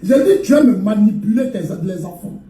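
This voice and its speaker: A man's voice: high-pitched, lively intonation, moderate pace. Angry guy accusing someone, echoey room, far from the mic, bit of hiss. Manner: accusing, shouting, scornful. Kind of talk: angry recorded video statement.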